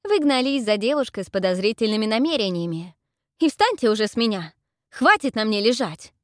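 A defiant young heroine yells in shrill exasperation, as a woman reader puts her on. She has a storybook feel and the recording is dry and close. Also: very animated, takes it slowly, dry recording. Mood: indignant. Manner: shouting, exasperated.

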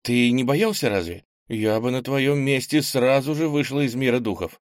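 A man voicing an excitable, anxious young sister with a raised, eager voice. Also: mid-range voice, moderate pace, dry recording, clean studio sound, voice pushed up, lightly acted.

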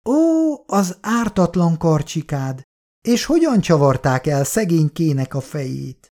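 A reader voicing Irén, a nervous young wife who answers sharply and defensively in a storybook reading. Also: female voice, low-pitched, sing-song, dark tone, voice pushed up.

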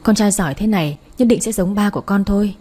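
A gentle young mother praising her little boy, as a woman reader voices her. The tone is warm and soft, with a breathy edge. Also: mid-range voice, quick pace, close to an everyday voice. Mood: tender. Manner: tender, affectionate. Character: kind young mother, tender.

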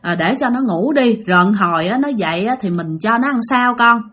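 A woman voicing a middle-aged mother who reassures her daughter in a gentle, low voice. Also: expressive, a little fast, husky. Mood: reassuring.

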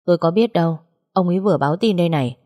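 A woman's voice: on the low side, very fast, warm tone, lightly acted. A woman voicing a short-tempered middle-aged father who scolds his family in an audio story. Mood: exasperated. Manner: scolding, gruff.

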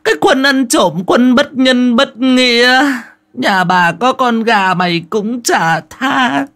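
A man shrieking as a shrill cursing old village woman. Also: slow, fairly bright tone, full character voice. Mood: furious cursing. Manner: screeching, cursing and wailing.

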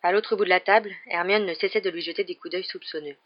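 An audiobook narrator reading a story in a steady, measured way. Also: medium pitch, lo-fi sound.

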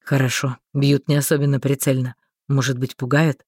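A woman's voice: very deep voice, level tone, moderate pace, darkish tone, slightly rough, dry recording, clean studio sound, voice pushed down. A woman voicing a stern grown male mage who barks curt orders.

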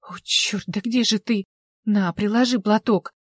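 Bossy loud woman, harsh and commanding, put on by a female reader, dry close sound. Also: medium pitch, measured pace, no room sound, lightly acted. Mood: bossy, shouting. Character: brash bossy woman, sharp-tongued.

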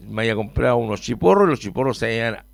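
A man with a Chilean accent telling a rambling personal travel story on a radio show, animated, jumping between loud outbursts and mumbled asides. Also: mid-range voice, very fast, creaky, dry recording, clean studio sound.

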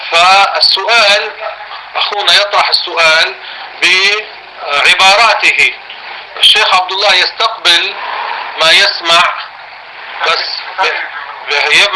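Man, Levantine Arabic accent, religious teacher, sharp bright voice, slow reading then explaining. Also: sits high, slight background noise, low-quality recording. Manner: reads a text slowly, then explains it and quizzes students. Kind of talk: classroom religious lesson.

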